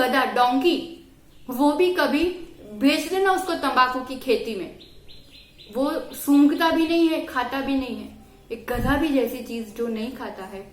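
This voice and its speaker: A woman with a high voice lectures young people on right living. She is earnest and firm and drops English phrases into her speech. The sound is roomy and echoey. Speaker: religious teacher at a study camp.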